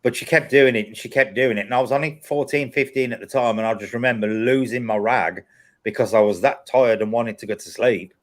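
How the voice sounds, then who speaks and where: A man's voice: medium pitch, brisk. A man chatting casually as a live host, telling personal stories in a blunt, repetitive way. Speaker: host of a paranormal live chat.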